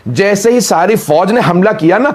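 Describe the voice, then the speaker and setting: A man's voice: high voice, animated, moderate pace, darkish tone. A man preaching, narrating a mourning story with passion and often calling his listeners brother. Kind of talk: emotional sermon narration.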